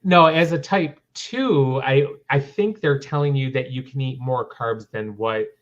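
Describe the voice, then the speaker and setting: Middle-aged male guest, animated storyteller who acts out the people in his story, slightly muffled livestream sound. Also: mid-range voice, measured pace. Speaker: interview guest. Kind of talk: casual storytelling in a livestream interview.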